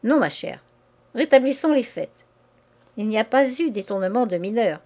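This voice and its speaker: A sharp, scornful young man snaps out his words with rough impatience, voiced by a woman reading a novel aloud. The voice sits somewhat high, and the telling is steady storybook narration. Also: moderate pace. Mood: harsh.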